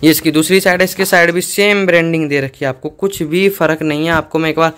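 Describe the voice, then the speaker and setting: A man's voice: a little high, steady tone, quick pace, fairly bright tone, smooth. A man doing a casual unboxing review, chatting to viewers and explaining each step plainly. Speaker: product reviewer.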